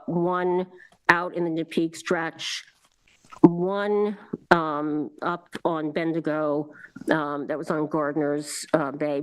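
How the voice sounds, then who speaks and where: A woman on a zoning board, reasoning through a decision at a public hearing in a halting, deliberate way with many fillers and restarts. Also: lowish voice, rough recording. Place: town hall meeting room.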